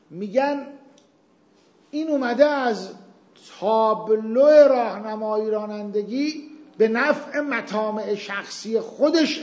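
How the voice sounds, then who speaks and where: A man's voice: sits high, a little mellow, echoey room. A man teaching a seminary class, explaining a point patiently with everyday examples and asking and answering his own questions. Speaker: teacher of Islamic legal theory. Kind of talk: seminary lecture with class discussion.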